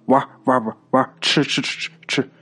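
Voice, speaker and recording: A man's voice: medium pitch, fairly even intonation, fast, a bit bright, husky. A man voicing a stuttering little village girl who repeats single words insistently.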